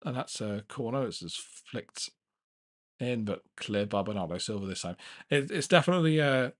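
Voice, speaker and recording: Young man, live match watchalong host, chatty play-by-play, restarts a lot, excited at chances. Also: mid-range voice, moderate pace. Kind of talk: live football watchalong commentary.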